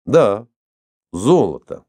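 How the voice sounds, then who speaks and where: A man reading a storybook, voicing a cool, sceptical older expert who speaks calmly and drily. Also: on the low side, no room sound. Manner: calm, dry, measured.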